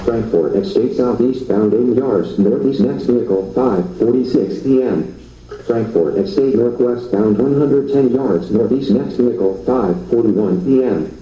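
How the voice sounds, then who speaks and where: A synthetic male screen-reader voice comes from a phone speaker held some distance from the mic, so it sounds roomy and dull. Its tone is dark and muffled. It reads button names and labels in short, flat, clipped bursts. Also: mid-range voice, a little slow. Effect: synthetic screen-reader voice played from a phone speaker held away from the mic.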